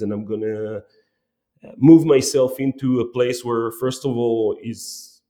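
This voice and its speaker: A man, a company marketing chief, telling his story as an interview guest, often halting and restarting phrases. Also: mid-range voice, mellow.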